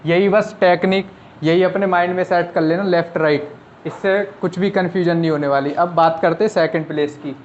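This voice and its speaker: High-voiced man teaching shorthand. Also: fairly even intonation, fairly quick. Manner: patient, repeats rules step by step. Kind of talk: classroom lesson explaining at a board. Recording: slightly dull lo-fi recording with faint noise.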